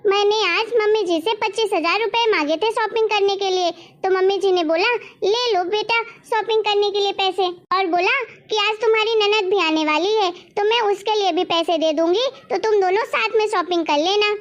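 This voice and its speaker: A woman's voice: extremely high pitch, moderate pace, hardly any pauses. A woman playing a defiant young daughter-in-law. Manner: bossy, defiant. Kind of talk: family drama acting.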